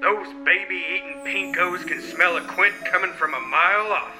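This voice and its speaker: A man's voice: high voice, fairly even intonation, normal speed, bright, forceful tone, soft background music. A man playing a pompous blustery mayor. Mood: bossy. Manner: blustery, self-important. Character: pompous male city mayor, bossy.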